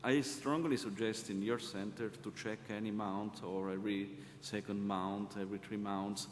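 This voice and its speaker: Man, low voice, conference panelist, emphatic and explanatory, reverberant hall, faint rumble. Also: fairly even intonation, moderate pace. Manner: emphatic, explanatory, frequent hesitations.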